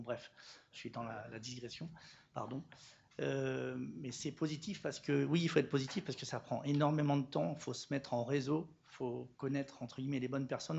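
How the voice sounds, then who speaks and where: A middle-aged man speaking as a social worker from a conference audience, halting and emotional, his voice trembling, with many restarts. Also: medium pitch, vocal fry, husky, highs cut off.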